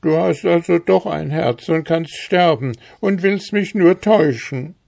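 A man doing a pleading young girl from a storybook, voice pushed up high and full of complaint. She sounds lamenting and anxious, her pitch climbing sharply, a small worried creature begging for an answer. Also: a little slow, a little mellow, dry recording, clean studio sound. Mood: plaintive. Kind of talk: fairy tale reading.

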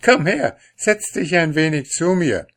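Man putting on a high, playful young princess. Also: animated, a little slow, a bit bright, heavily acted. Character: cheerful carefree young princess.

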